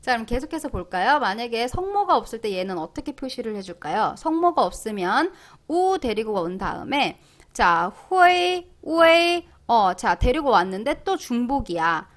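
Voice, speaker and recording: A young woman teaching a language lesson online, playful and lively, drawing out sounds slowly and loudly as she models them. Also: on the high side. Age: young adult.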